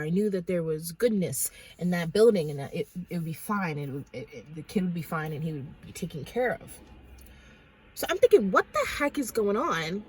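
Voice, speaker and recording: A woman's voice: medium pitch, darkish tone, slightly rough, no echo. A woman casually recounting a dream in a rambling, hesitant way, with many restarts.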